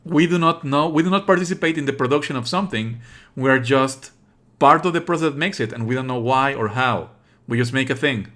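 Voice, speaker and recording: A man with a sharp-toned, mid-range voice livestreams offhand game commentary. Opinionated and scornful, he curses and stumbles through explanations with repeated phrases.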